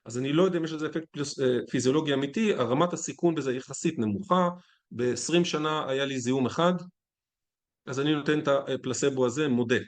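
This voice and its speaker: A man, a physician, giving a conference lecture in a conversational, candid way with anecdotes. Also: medium pitch.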